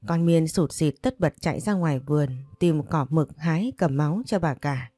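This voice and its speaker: A woman narrating a short story in first person, calm and steady, at a close mic. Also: sits low, moderate pace, dry recording, soft background music.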